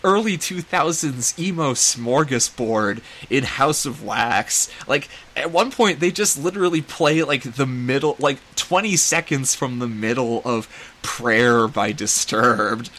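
A man's voice: mid-range voice, animated, a little slow, few pauses, pushed and bright. Rambling man recapping a movie. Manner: rambling, digressive, self-deprecating. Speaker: podcast host. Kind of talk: casual movie recap podcast.

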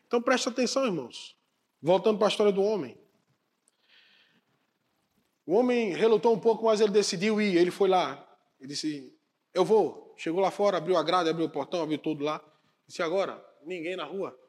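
Animated male preacher, higher voice, storytelling sermon, acts out the dialogue. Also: fairly quick, long pauses.

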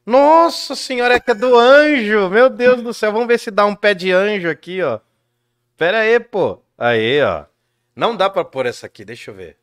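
A man's voice: sits high, lively intonation, normal speed, a bit bright, smooth. A man, chatting casually and joking at his own expense as a vlogger. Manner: joking, self-mocking. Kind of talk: casual chat.

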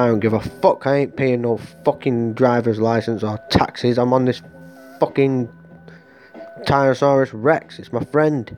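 A man's voice: fairly low pitch, dark tone. Profane ranting man. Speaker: podcast host. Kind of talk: rambling solo monologue.

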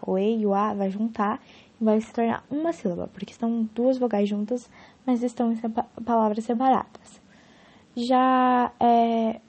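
A young woman talks through a lesson in a casual, explanatory way, often restarting her sentences. Her voice sits fairly high, with a soft, mellow tone and a husky edge. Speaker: student explaining poetry. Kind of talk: informal spoken lesson.

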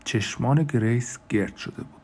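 A male narrator reads a novel aloud in a measured, scripted manner. When he reaches dialogue, he moves into a relaxed colloquial register for each character. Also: medium pitch, breathy edge. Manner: reads quoted speech of several characters in a conversational colloquial register. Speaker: audiobook narrator.

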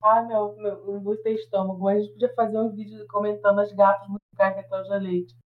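A woman's voice: mid-range voice, flat delivery, fast talker. Jokey woman co-host, lo-fi sound. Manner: blunt, jokey, swears casually. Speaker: podcast co-host. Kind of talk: casual chat. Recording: dull lo-fi podcast audio.

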